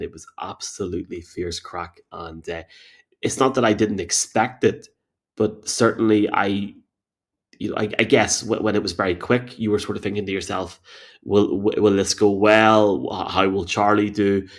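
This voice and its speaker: An Irish man hosts a live sports podcast. His voice sits a little on the low side. He talks casually and conversationally. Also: fairly even intonation, brisk, husky. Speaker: podcast host.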